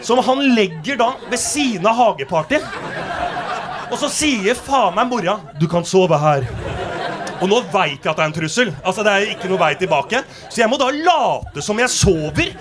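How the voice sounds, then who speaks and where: A male stand-up comedian on a theater stage, telling a story in a brash, animated way with plenty of swearing. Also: high voice, a crowd in the background, background noise. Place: theater stage before a live audience.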